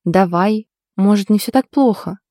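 A woman voicing a gently teasing young woman. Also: medium pitch, measured pace, no room sound, clean studio sound, natural voice. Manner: teasing, gentle, soft-spoken. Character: teasing young woman, sympathetic friend in love. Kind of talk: audiobook character voice.

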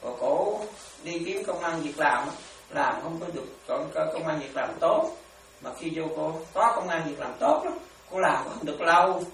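A man, a monk, giving a chatty, animated dharma sermon full of stories and repetitions. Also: a little high, moderate pace. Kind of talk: sermon with storytelling. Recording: echoey, distant mic, faint noise.

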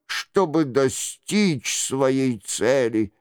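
A man voicing a scheming aging queen mother, slow and pleading in a coaxing way. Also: medium pitch, expressive, clean tone, dry recording, studio quality.

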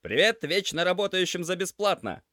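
A man's voice: high-pitched, big pitch swings, normal speed, bright, forceful tone, no room sound, clean studio sound, voice pushed up, full character voice. A man voicing a cheeky joking tomcat student. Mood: teasing. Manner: teasing, boisterous. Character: cheeky young male cat student, joker.

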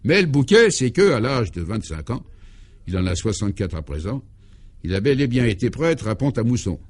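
A man's voice: big pitch swings, moderate pace, a little mellow. Droll mock-solemn male narrator. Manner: droll, mock-solemn, dropping low on punchlines. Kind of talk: comic scripted narration of a radio serial.

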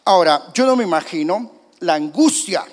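A man's voice: sits high, expressive, normal speed. A man, a pastor, preaching a sermon in a church with emphatic, dramatic delivery. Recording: reverberant church hall.

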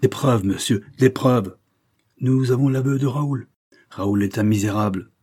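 A man voicing a smooth, scheming middle-aged gentleman who speaks in a grave, formal way, a little raised above his reading voice. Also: medium pitch, a little slow, voice pushed up.

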